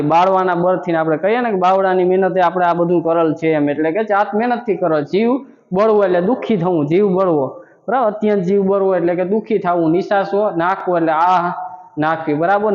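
A man teaching a grammar lesson, explaining each point and repeating it with a filler word. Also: high-pitched. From India. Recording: dull lo-fi sound with long reverb.

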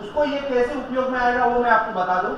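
A man demonstrates a laser leveler casually in a small tool shop, talking viewers through each step and repeatedly telling them to look. His high voice is quick and a bit bright, bouncing around the room. Filmed on a handheld camera by someone else, the recording is echoey and slightly dull with a faint hiss.

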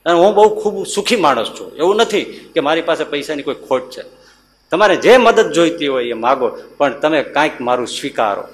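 Man, Gujarati accent, preacher monk, storytelling sermon, slightly high pitch, emphatic bursts. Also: lively intonation, fairly quick, slight background noise. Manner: acts out the characters' lines in softer, lower tones.

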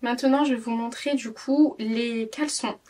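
A woman's voice: fairly high pitch, steady tone, normal speed, darkish tone, recorded from a distance. A tired woman in her twenties chatting casually through a clothing haul vlog, rambling with many fillers and restarts. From France. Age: 20s. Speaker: parenting vlogger.

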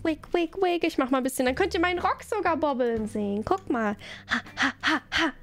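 High-voiced bubbly woman streamer. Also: expressive, a little fast, creaky. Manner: bubbly, giggly, rambling and chaotic. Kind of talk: casual live-stream chat.

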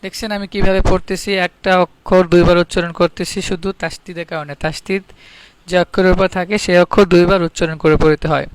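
A man with a Bangladeshi Bengali accent gives an online recitation lesson, spelling out each letter and vowel mark in patient, repeated drills. His voice sits high and holds a flat, even tone. It comes across smooth and resonant in a dry, close recording. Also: fast, no echo, rough recording. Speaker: Quran reading teacher.

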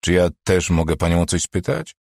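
A man voicing a wry, self-mocking male police detective in an audiobook, close to his own deep, husky voice. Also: expressive, a little fast, a little mellow, no room sound, exaggerated voice. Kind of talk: audiobook character voice.

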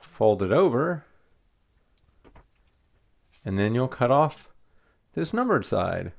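At a table in his craft room, a man who runs a channel explains a craft project step by step, keeping things relaxed and friendly. He speaks slowly at a medium pitch with vocal fry, and a little hiss or hum can be heard in the recording.

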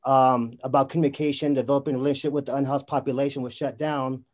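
A man speaks up during the public comment slot of an online meeting. He pauses often, restarts his phrases and fills gaps with ums. His voice sits at a middle pitch with a dark, mellow tone. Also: level tone. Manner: halting, many fillers and restarts.

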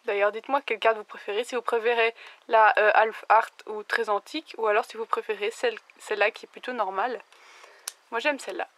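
A young woman, slightly hoarse from a recent illness, chatting casually as she opens trading cards and exclaims over the ones she likes. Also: a little high, steady tone, fairly quick, a bit bright. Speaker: YouTuber opening trading cards. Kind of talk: casual card-opening commentary.

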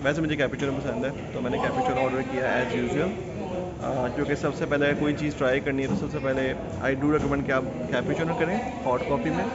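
A chatty man in his thirties vlogging from a packed cafe at night, his voice sitting at an ordinary middle pitch. The phone audio sounds dull, with a loud crowd buzzing behind him. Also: little pitch movement, moderate pace. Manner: chatty, laughing often, mixing in English phrases. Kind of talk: casual vlog chat. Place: busy cafe and parked car at night. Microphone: phone held at arm's length.

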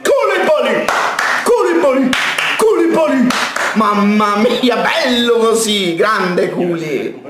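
A man yells, swears and chants players' names as he watches a football match live. His voice sits very high and leaps all over the place. The room echoes, and a stadium crowd roars from the broadcast behind him. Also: very animated, slow. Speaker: football fan streamer.

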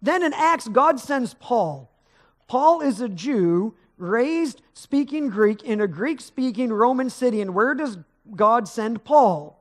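Extremely high-pitched and expressive, this middle-aged pastor speaks slowly during a sermon on the stage of a large sanctuary. His conversational preaching swells with emphasis while he paces and gestures.

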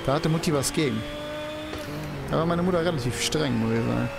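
A young let's play host, his voice on the high side, fairly quick and marked by vocal fry, rambles casually through racing game commentary. He swears and exclaims at the track while game music plays behind him.

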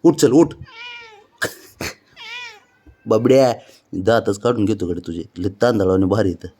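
A man's voice: lowish voice, huge pitch swings, slow pace, dark tone, slightly rough. A man at home chatting to his cat, coaxing and teasing it in baby talk. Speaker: cat owner filming his pet. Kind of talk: casual talk to a pet.

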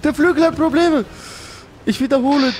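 A young man with a fairly high voice narrates his game role-play. He is excitable and keeps repeating his exclamations. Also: moderate pace. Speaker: gaming YouTuber.

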